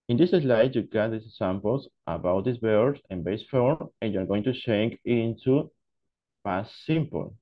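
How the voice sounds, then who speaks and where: A man teaching English to Spanish speakers, explaining past tense pronunciation slowly and deliberately, switching between Spanish and English. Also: medium pitch, highs cut off. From Peru. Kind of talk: online class lesson.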